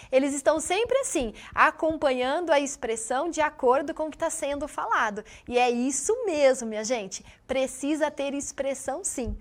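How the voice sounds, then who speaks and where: High-voiced teacher lady, upbeat, talks right to the kids in a live class. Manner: upbeat, addresses students directly. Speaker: studio teacher.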